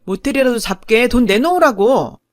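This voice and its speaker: A woman voicing a rude young woman in a radio drama, shouting scornfully and fast, in a high, loud voice. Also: lively intonation, no room sound, clean studio sound, lightly acted. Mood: furious.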